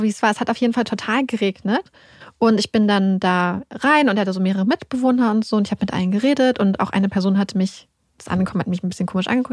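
A woman co-hosting a podcast, telling embarrassing stories in an animated, self-mocking way. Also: mid-range voice, no echo, clean studio sound. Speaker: podcast co-host. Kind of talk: casual podcast chat.

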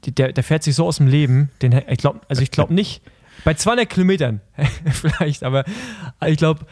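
A man's voice: fairly high pitch, brisk, a little mellow, no echo, clean studio sound. A man co-hosting a casual podcast chat, talking loosely with frequent fillers and leading the segments. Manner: conversational, hesitant fillers, leads segments. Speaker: podcast co-host. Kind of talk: casual chat about cycling.

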